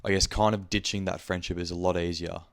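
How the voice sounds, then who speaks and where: Deep-voiced young Australian man, frank. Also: little pitch movement, fast, no room sound. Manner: rambling, frank, swears freely. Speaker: podcast host. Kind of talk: casual reflective monologue.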